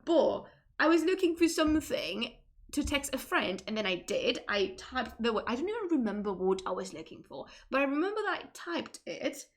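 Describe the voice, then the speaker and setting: Her voice high-pitched with big pitch swings at normal speed, a streamer from Spain chats casually in Spanish-accented English. She's talkative and laughs often, frequently interrupting herself and restarting.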